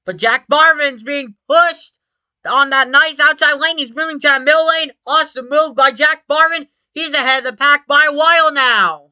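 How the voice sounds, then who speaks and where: A motorsport commentator calling a race live in an excitable manner. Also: sits high, moderate pace, no echo. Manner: excitable motorsport commentator delivery, breaking into shouts at big moments.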